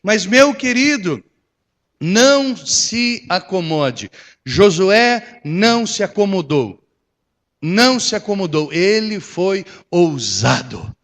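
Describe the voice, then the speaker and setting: A man preaching to his congregation in a notably high voice. His delivery is lively and theatrical, swinging from loud exhortation to hushed asides. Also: slow. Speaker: pastor. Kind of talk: sermon.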